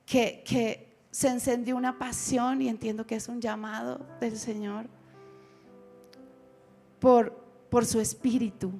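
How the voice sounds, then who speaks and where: High-voiced woman pastor telling her testimony. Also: flat delivery, slow pace, long pauses, warm tone, soft background music. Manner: storytelling, acts out her own past words. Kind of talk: testimony sermon at a conference.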